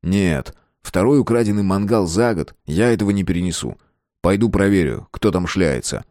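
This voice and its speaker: A low-voiced young husband, wry and easygoing, who jokes his way through everything, as a male audiobook reader plays him. The sound is dry and close, with no room around it. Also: lively intonation, moderate pace, a little mellow, no echo. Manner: joking, easygoing. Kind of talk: audiobook character voice.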